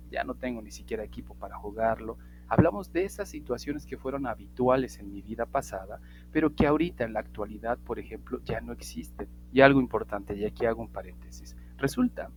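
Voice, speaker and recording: A man's voice: medium pitch, slight background noise. A man giving a casual spoken English lesson, wandering into asides and restarting his sentences. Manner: talks around the point, restarts and asides. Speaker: English teacher.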